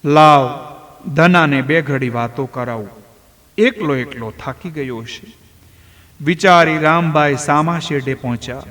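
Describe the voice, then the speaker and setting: A male storyteller narrates a devotional folk tale at a very slow, measured pace. His voice sits somewhat high, and a long hall reverb hangs on every word. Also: a bit bright.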